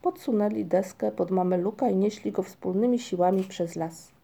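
A woman reads a children's tale aloud at a measured pace. Her voice is very dark and mellow, with a gravelly fry under the words. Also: mid-range voice. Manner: measured storytelling. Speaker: audiobook narrator. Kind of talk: scripted narration.

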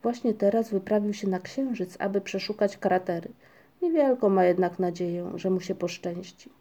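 Lady reading chill wandering troll guy telling spooky tales, mellow voice, storybook. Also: medium pitch, moderate pace, close to an everyday voice. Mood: calm storytelling. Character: calm wandering young male troll storyteller. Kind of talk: audiobook character reading.

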